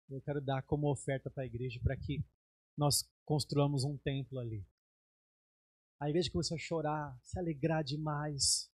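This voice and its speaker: Husky Brazilian bishop telling a testimony. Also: male voice, no room sound, studio quality. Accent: Brazilian Portuguese. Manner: animated storytelling, acts out dialogue in raised pitch. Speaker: bishop preaching. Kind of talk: sermon testimony.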